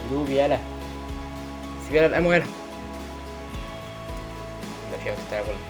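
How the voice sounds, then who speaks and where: Rapid excitable Egyptian gamer man. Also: medium pitch, music in the background. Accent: Egyptian Arabic. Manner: excitable, shouting at enemies. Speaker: gaming YouTuber. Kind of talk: gameplay commentary.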